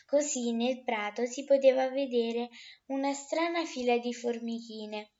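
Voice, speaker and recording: A woman reading a children's story aloud, gentle and expressive. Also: a little high, a little slow, muffled recording.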